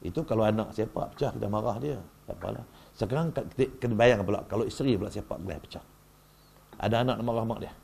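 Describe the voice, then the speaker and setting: A man giving a humorous religious workshop talk in a mosque, lively and peppering the audience with rhetorical questions. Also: lowish voice, quick pace, creaky, slightly rough. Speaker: religious lecturer. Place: mosque hall.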